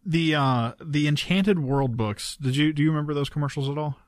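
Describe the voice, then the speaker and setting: A man hosting a casual chat, halting and often repeating words as he searches for the next. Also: fairly high pitch, over music. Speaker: show host.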